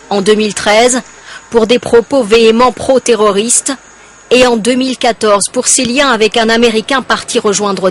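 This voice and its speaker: A woman narrating a television news report in a clear, steady voice. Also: a little high, a little hiss or hum.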